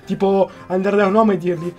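A man, chatting casually and in an animated way as a video host who laughs readily. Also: high voice, quick pace, dull audio, faint music behind. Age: 20s. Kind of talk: casual reaction-video chat. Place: small indoor room.

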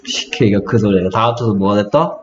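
A man's voice: on the low side, fairly quick. A man tutoring English phonics one-on-one, quizzing his student on letter sounds. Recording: dull lo-fi audio with music.

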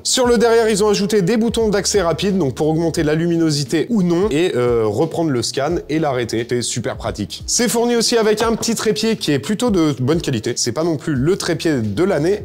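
A young man presenting a casual product review, animated and joking, with slangy asides. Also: on the high side. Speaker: tech reviewer.

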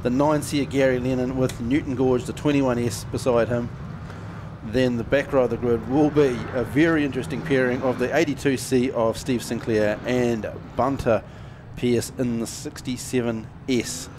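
A man's voice: mid-range voice, fairly even intonation, moderate pace. A man with a New Zealand accent giving speedway race commentary. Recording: loud car noise behind.

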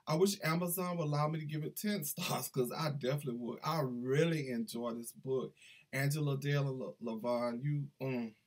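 A man's voice: medium pitch, normal speed, a little hiss or hum. A middle-aged man chatting enthusiastically through a casual book review vlog, recorded at his desk on a webcam in a small room. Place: small indoor room with banners.

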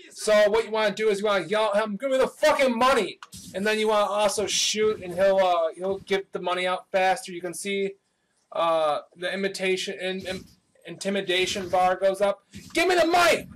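A young man hosting his own gaming channel, chatting casually and swearing as he plays, with excited outbursts, recorded through a webcam microphone. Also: sits high, slight background noise. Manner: loose and profane, with excited outbursts. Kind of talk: casual gameplay commentary.

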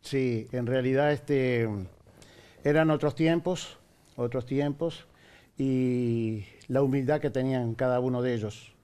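An older man raised in Venezuela, a guest on a TV studio talk show, answering in a modest, measured way and repeating his phrases. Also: mid-range voice, steady tone, mellow, clear, resonant tone. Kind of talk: casual interview answers. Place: TV studio set.

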